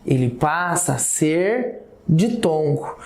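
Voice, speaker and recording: A woman's voice: deep voice, lively intonation, takes it slowly, darkish tone. A woman teacher with a Brazilian Portuguese accent explaining a lesson, talking to students informally and often checking they follow. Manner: addresses students informally, checks understanding with repeated "tá?" and "ok?". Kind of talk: recorded class lesson. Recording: echoey classroom sound.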